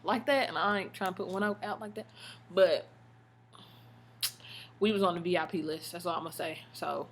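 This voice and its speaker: An American woman telling stories in a casual, slangy vlog style, expressive and full of emphatic asides. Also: fairly low pitch, normal speed, long pauses. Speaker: vlogger. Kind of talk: casual chatty storytelling vlog.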